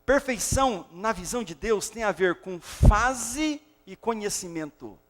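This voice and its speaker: High-voiced man preaching with animation. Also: big-room sound. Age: 40s. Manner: animated preaching, acts out dialogue. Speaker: pastor. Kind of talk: sermon.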